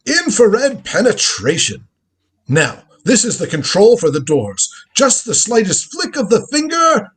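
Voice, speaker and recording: A man, lead actor at a live radio drama script reading, voices a husky, crotchety grandfather inventor who has come from the future. High-pitched with wildly swooping pitch, measured pacing, and a bit of brightness, his full character voice sounds proud, imperious, theatrical, and lecturing.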